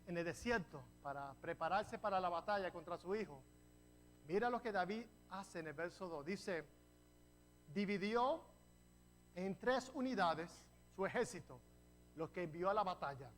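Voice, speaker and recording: A man from New Jersey preaching a sermon as pastor, telling the story in a lively way and putting rhetorical questions to the congregation. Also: high voice, slight background noise. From New Jersey, USA. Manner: jokes with the congregation.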